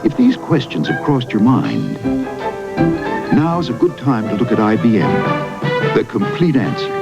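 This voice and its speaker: Male announcer for scripted TV commercial, animated delivery, loud music bed, muffled tape. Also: mid-range voice. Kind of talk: scripted TV advertising narration.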